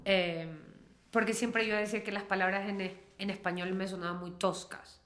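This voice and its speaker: A woman's voice: mid-range voice, fairly even intonation, moderate pace, fairly bright tone. A woman in her thirties, a singer-songwriter talking casually in an interview, chatty and often trailing off to restart. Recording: roomy echo.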